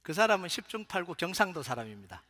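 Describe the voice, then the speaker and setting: A man preaches in a church sanctuary with a light Gyeongsang accent. He tells the story dramatically, dropping to a hush and then rising again. His voice is high and bright, and a long hall reverb trails each phrase. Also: very animated, quick pace. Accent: light Gyeongsang Korean. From Gyeongsang Province, South Korea. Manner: dramatic storytelling, swings between loud and hushed. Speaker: pastor. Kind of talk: sermon.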